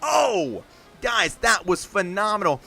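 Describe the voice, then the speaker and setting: A man with a high, bright voice calls the action like a sports announcer, full of energetic hype. He keeps talking directly to his chat while he commentates. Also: slow pace, creaky, faint music behind. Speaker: stream host and announcer. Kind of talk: play-by-play game commentary.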